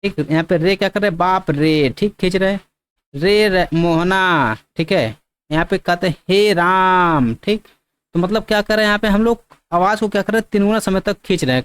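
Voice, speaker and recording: A man's voice: sits high, clear, resonant tone, dry recording. A man teaching an exam-prep grammar lesson. He often checks in with "theek", asks questions and answers them himself, and sometimes stretches words out to demonstrate them.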